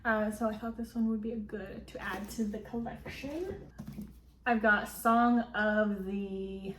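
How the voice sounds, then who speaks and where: A book vlogger chats casually through her book haul in a medium-pitched, level, unhurried voice, rambling with lots of ums and likes. It's filmed on a phone camera, so the recording sounds roomy, with faint ambience and a slight hiss or hum.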